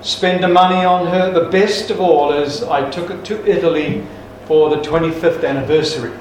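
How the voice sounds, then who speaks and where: A man's voice: a little high, steady tone, normal speed, a little hiss or hum, natural voice. A man doing a proud old husband. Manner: plain storytelling voice, no accent attempted. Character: proud old Italian husband, plain and cheerful. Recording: echoey hall from far off.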